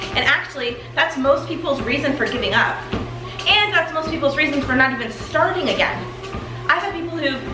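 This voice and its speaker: A woman in her thirties giving a motivational chat as a weight loss coach while walking in place for exercise, recorded indoors. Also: fairly high pitch. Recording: echoey room with music underneath. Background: music.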